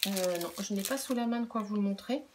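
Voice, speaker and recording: A woman's voice: mid-range voice, quick pace. A middle-aged woman casually showing her craft purchases in a vlog, talking in a chatty, hesitant way with many fillers and restarts. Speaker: crafting vlogger and product demonstrator. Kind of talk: casual show-and-tell vlog. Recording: faint background noise and clicks.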